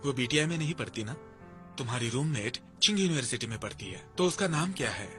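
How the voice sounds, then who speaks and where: A man dubbing a young male manager who asks calm, probing questions, over background music. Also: mid-range voice, quick pace. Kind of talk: Hindi dub of a drama. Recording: music under dialogue.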